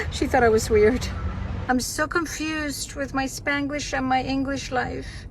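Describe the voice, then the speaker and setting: A woman's voice: sits high, rough recording. An older woman from Cuba, chatting playfully while walking outdoors, slipping in Spanish as she vlogs. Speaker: vlogger. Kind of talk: casual walking vlog chat. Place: outdoors on city streets, walking. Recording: street traffic noise behind.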